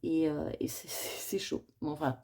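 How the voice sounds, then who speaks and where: A woman in a casual coloring vlog, talking to her viewers while she works. Her voice sits a little on the low side. She thinks aloud in a rambling, confiding way and sounds a bit worried. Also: little pitch movement, normal speed, dark tone, husky. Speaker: coloring vlogger.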